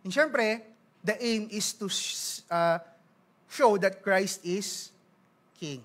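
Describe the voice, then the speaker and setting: A Filipino man preaching a sermon as pastor, mixing Tagalog with English, reading scripture slowly and joking with the congregation. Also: sits high, fairly bright tone. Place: church service.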